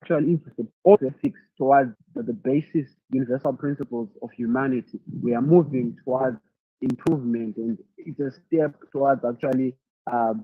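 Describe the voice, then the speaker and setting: A man from Zimbabwe speaks at a middle pitch in an online masterclass, thinking aloud and often restarting his sentences. His voice comes through a narrow, tinny video-call line with a dry sound and no room around it. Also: dry recording. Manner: thoughtful, halting, repeats words while searching for them. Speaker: leadership speaker answering questions. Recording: tinny phone-like audio.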